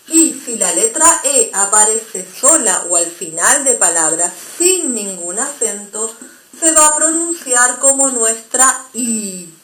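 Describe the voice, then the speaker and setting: A woman's voice: fairly high pitch, fairly bright tone, roomy sound, a little hiss or hum, poor audio. A woman teaching a language lesson, explaining patiently and checking in with her students. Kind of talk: recorded online language lesson.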